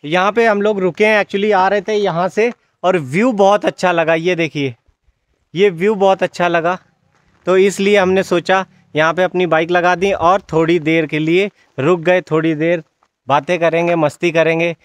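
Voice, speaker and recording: A man's voice: high-pitched, fairly even intonation, moderate pace, clear, resonant tone, dry recording. A man in his thirties from India, narrating a casual motorcycle travel vlog outdoors on mountain roads, chatty and enthusiastic as he explains tips to viewers.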